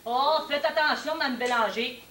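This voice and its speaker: A woman's voice: high-pitched, moderate pace, a bit bright, a little hiss or hum. A woman with a Québécois accent acting on stage as a fussy, preachy neighbour full of advice. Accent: Québécois French. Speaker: stage actor. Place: theatre stage. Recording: echoey stage audio from far off.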